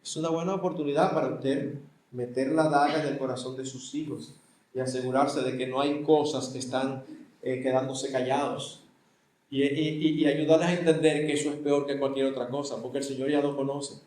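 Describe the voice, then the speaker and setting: A man's voice: mid-range voice, fairly even intonation, brisk, a little mellow, reverberant. An older man with a Dominican Spanish accent, a pastor giving a conversational sermon that slips into acted family dialogue. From Dominican Republic. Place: church hall.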